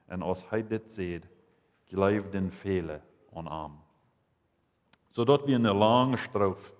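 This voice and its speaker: A man reading Bible passages and commenting, halting and restarting as he goes. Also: sits low. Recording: long reverb, hall.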